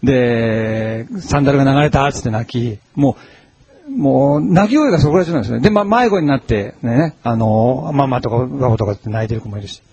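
Male pastor, mellow husky tone, lively conversational sermon, dry close sound. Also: mid-range voice, brisk, dry recording. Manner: conversational, animated preaching with frequent fillers.

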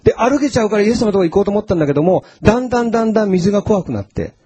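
A man preaching a sermon as a pastor, telling Bible stories in an animated way and acting out the quotes. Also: high voice, rapid-fire, husky.

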